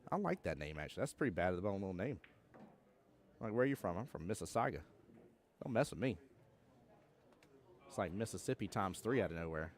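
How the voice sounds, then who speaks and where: Man, Southern US accent, young adult, live stream commentator, low-pitched, joking, laid-back drawl. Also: sing-song, fairly quick, pauses often, slight background noise. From Georgia, USA. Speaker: pool tournament commentator.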